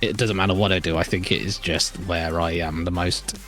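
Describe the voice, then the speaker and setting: A man's voice: low-pitched, fairly even intonation, brisk, fairly bright tone. A man who produces music, a guest on a casual livestream chat, laid-back, with dry humor and a lot of hedging.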